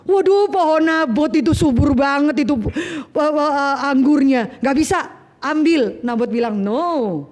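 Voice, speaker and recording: High-voiced woman preaching an animated sermon. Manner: animated storytelling, acting out biblical characters in quick asides. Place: church service.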